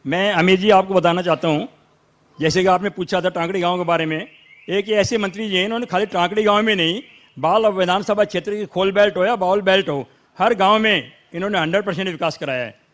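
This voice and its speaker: A man's voice: high voice, fast talker, fairly bright tone. A man with a Haryanvi accent, a local supporter arguing insistently in a heated panel debate. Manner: insistent, argumentative, interrupts to defend his side.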